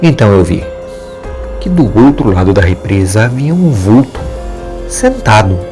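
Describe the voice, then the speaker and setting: A man narrating a first-person supernatural story as the channel's storyteller, slow and dramatic. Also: on the low side, very animated, music in the background.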